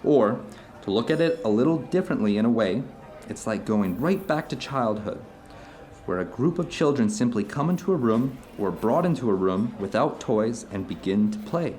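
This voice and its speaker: In this audio drama, a man voices a theater director telling an old friend about his travels, animated and earnest, wandering through his stories as he explains. The voice is medium-pitched and a little mellow, at a moderate pace, and the delivery is only lightly acted.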